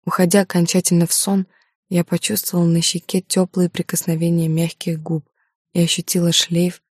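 A woman narrating a romance novel in the first person, in soft, even storytelling. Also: lowish voice, normal speed, breathy edge, no room sound, studio quality.

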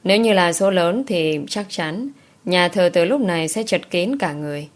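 A woman narrating a romance novel as an audiobook in an even storytelling manner. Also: lowish voice, normal speed.

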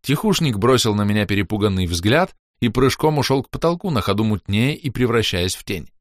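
A man's voice: fairly low pitch, lively intonation, fairly quick, dry recording, clean studio sound. A man narrating a fantasy audiobook expressively, acting out the dialogue.

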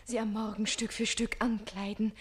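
An impulsive, lovesick teenage page boy in a classic radio play. His fairly high voice gushes and pleads breathlessly, full of dreamy infatuation. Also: flat delivery, normal speed, slightly rough. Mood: gushing.

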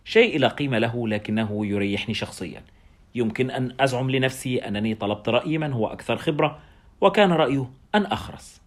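A man narrating a first-person story as an audiobook, in a brisk and wry storytelling manner. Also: medium pitch.

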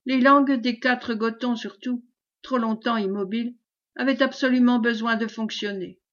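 A woman reads a classic novel aloud in a steady, measured narration. Her voice sits a little high. The recording sounds dull and lo-fi. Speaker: audiobook reader. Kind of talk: scripted narration.

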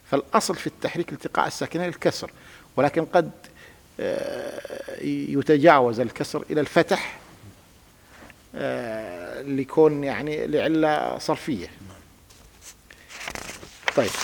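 A man's voice: on the high side, vocal fry, fairly bright tone. A man teaching a classical grammar lesson, patiently explaining step by step and having his student repeat words. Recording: reverberant room with long echo.

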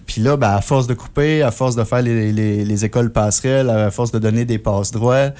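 A man with a dark, relaxed voice of average pitch and a Québécois French accent. He lays out his views as part of a casual political discussion. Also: a little fast. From Quebec, Canada.

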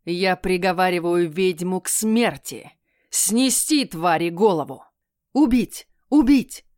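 A woman reading a stern, furious old king in an audiobook, speaking slowly and condemningly. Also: no room sound, studio quality, natural voice. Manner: slow, booming, condemning. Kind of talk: audiobook character voice.

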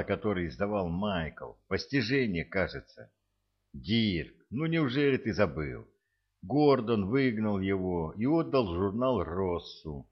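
A man's voice: lowish voice, lo-fi sound. A man doing a panicked young man with urgent news. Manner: breathless, frightened.

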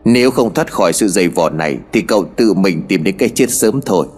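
A man's voice: sits low, expressive, a little fast, a little mellow, soft background music, voice pushed down. A man doing a grave old sorcerer. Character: stern old village sorcerer, calm and grave.

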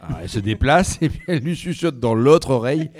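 A man's voice: mid-range voice, lively intonation, fast, darkish tone. A man co-hosting a comedy podcast, teasing and egging on the others as he leads a round of jokes. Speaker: podcast co-host. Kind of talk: casual joke-telling chat.

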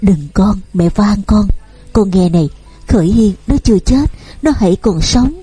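A scolding, grieving mother of advanced years, insistent and firm. Her voice is dark and husky, close and dry, as a woman storyteller reads her. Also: medium pitch, expressive, unhurried, dry recording, faint music behind. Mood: pleading.

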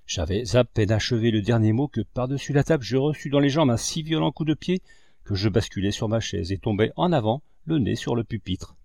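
A man narrating a novel as an audiobook, in an expressive, dramatic storytelling voice. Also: medium pitch, fairly quick, gravelly, no echo, studio quality. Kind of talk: audiobook reading.

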